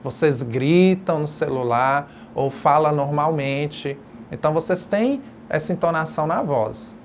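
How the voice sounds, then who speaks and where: A patient sign language teacher talks through a recorded online lesson, demonstrating each point step by step. The voice has a gravelly, fry-edged texture at an ordinary middle pitch. A faint hiss of noise sits under the speech. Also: animated, unhurried. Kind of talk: recorded distance-learning lecture. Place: educational video studio.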